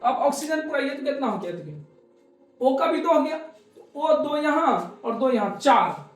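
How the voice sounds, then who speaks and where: The man's voice is extremely high, with big pitch swings, and he speaks at a measured pace in a roomy-sounding space. Teaching a chemistry class, he goes over his points again and again in a coaxing way, asking and then answering his own questions.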